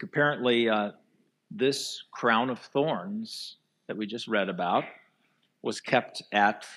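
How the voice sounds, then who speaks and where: Male pastor, mid-pitched, earnest sermon delivery, keeps asking the church rhetorical questions. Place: church before a live congregation.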